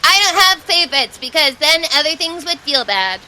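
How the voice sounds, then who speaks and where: A woman's voice: high voice, lively intonation, moderate pace, bright, forceful tone, rough recording. A woman playing a tabletop game, chatting casually and bluntly, with casual swearing. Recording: clear background noise.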